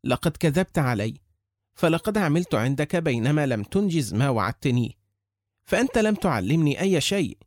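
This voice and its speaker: A man's voice: fairly high pitch, very animated, fairly quick, no room sound. A man voicing an indignant nine-year-old boy who pleads and accuses, close to tears, in an audiobook. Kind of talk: audiobook character reading.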